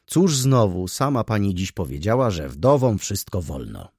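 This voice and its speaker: Figure: sardonic worldly gentleman read by a man. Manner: drawling. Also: on the low side, sing-song, moderate pace, slightly rough, no echo, studio quality, exaggerated voice. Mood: mocking. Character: mocking worldly young gentleman. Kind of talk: audiobook character voice.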